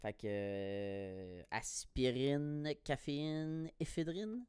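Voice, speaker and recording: A young Québécois man chats on his podcast in a loose, slangy way. He laughs often and swears freely as he tells his stories. His voice sits at a medium pitch, and the recording is very dry. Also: drawn-out words, a little mellow, clear, resonant tone, no room sound. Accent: Québécois French. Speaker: podcast host. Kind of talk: casual chat.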